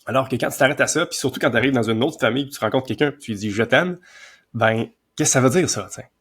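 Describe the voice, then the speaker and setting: A man's voice: mid-range voice, fast talker, a bit bright, husky. A man with a Québécois French accent, hosting a casual podcast chat, affirming others and steering the talk.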